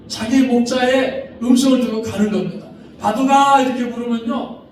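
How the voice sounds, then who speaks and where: A man's voice: high voice, a little mellow, a little hiss or hum. A male pastor preaching a sermon, acting out the people in the story with dramatic voices. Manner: acts out the figures' lines in dramatic voice. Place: church sanctuary. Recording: distant mic in an echoey church hall.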